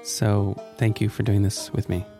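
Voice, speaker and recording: A middle-aged man hosting a casual podcast chat, playful and quick to laugh, close to the mic. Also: lowish voice, flat delivery, music in the background. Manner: playful, laughs often, teasing. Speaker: podcast host. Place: at home, late at night.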